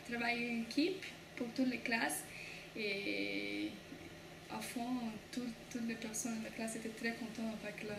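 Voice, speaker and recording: A young Brazilian woman, a student, answering interview questions in hesitant, restarting French. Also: fairly high pitch. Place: classroom by a window. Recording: echoey room, background noise.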